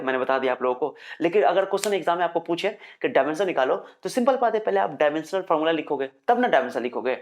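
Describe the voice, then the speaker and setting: A young man gives a recorded physics lecture. He works through each point slowly, repeats his own questions and answers them as his students would. He reads English definitions out carefully and sounds a little short on energy. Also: a little high. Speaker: physics teacher.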